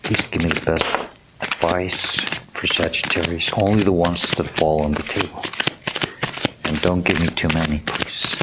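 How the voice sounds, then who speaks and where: A man giving a tarot reading to camera. He speaks in a gentle, earnest way, keeps checking in with "okay?", and stumbles over unfamiliar names while reading card meanings aloud. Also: deep voice, level tone, measured pace, very noisy. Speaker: tarot reader.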